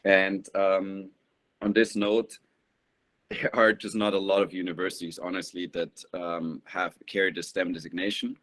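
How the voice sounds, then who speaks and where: A young man in his twenties answers a host's questions on a webinar. His voice is deep and low-pitched. He hedges and pauses with frequent "um"s as he explains his choices. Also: level tone, a bit bright. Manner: hesitant, many "um"s. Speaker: guest, business school applicant. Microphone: video call.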